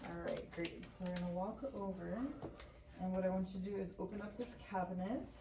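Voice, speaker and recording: A woman's voice: fairly low pitch, steady tone, brisk, dark tone, echoey room, recorded from a distance. A woman working as a home health therapist, guiding a patient through exercises with patient, encouraging instructions and frequent fillers. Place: home kitchen and pantry.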